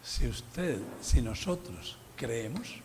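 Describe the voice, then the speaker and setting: A man preaching a Sunday sermon as pastor, emphatic, with sudden loud bursts and exclamations. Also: mid-range voice, very animated, takes it slowly, noisy background. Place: church sanctuary.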